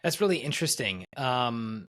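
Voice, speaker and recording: A man's voice: mid-range voice, sing-song, moderate pace, fairly bright tone. A man hosting a podcast interview as a coach, talking in an enthusiastic, rambling way with many restarts. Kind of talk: casual interview.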